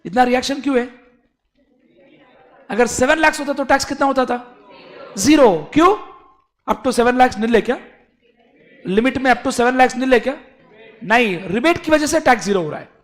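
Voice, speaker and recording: A man teaching a tax lecture, animated and fond of addressing his students as "beta". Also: extremely high pitch, normal speed, long pauses. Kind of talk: classroom lecture.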